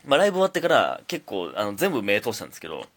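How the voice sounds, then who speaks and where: A young man with a Kansai accent talks on his own comedy podcast. He rambles easily from story to story. His fairly low voice rises and falls a lot as he goes. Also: huge pitch swings, very fast, fairly bright tone. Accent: Kansai Japanese. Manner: laid-back, rambling storytelling. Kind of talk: casual solo talk show.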